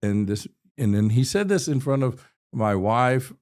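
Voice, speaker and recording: A man's voice: medium pitch, animated, measured pace, darkish tone. A man in his sixties from Texas, a state representative telling a personal story as a podcast guest, earnest and vivid, often restarting his sentences.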